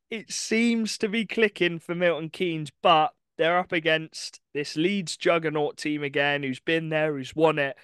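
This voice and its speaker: A young man with a fairly high, smooth and clear voice talks fast and keenly through sports news as a podcast co-host. He sounds close to the mic in a dry room, full of asides and little laughs. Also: fairly bright tone, dry recording. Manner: chatty, enthusiastic, quick asides and laughs. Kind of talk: casual sports chat.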